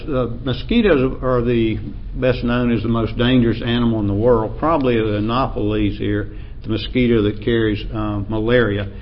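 A male lecturer speaks with an Appalachian American accent in an informal academic style. His delivery is measured and somewhat halting, broken up by throat-clearing. The recording is dull and lo-fi, with faint noise behind him. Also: mid-range voice. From Appalachian United States.

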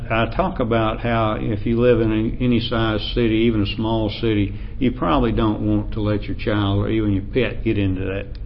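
A male lecturer speaks with an Appalachian American accent in an informal academic style. His delivery is measured and somewhat halting, broken up by throat-clearing. The recording is dull and lo-fi, with faint noise behind him. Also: lowish voice. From Appalachian United States.

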